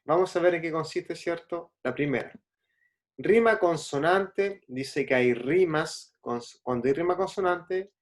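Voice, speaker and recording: A man teaching a class, patiently checking in with his listeners and spelling out letters and syllables. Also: fairly high pitch. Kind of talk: classroom explanation.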